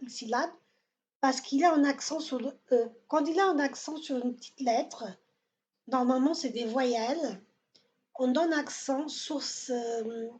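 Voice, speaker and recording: Slow-spoken teacher. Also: female voice, high voice, a little mellow, highs cut off. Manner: slow, careful, repeats words for pronunciation. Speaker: Portuguese teacher. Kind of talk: language lesson.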